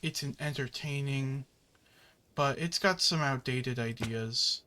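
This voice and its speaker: A man's voice: medium pitch, takes it slowly, bright, forceful tone, slight background noise. A man chatting casually while playing a video game, rambling with many fillers and the odd curse at the game. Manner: swears at the game. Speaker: gaming channel host.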